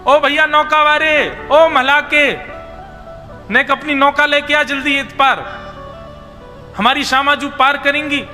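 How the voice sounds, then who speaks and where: A man's voice: very high voice, a little slow, pauses often, full character voice. A man voicing anxious young village milkmaids who plead and call out, with a Braj accent. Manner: pleading, calling out loudly. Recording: reverberant hall with music behind.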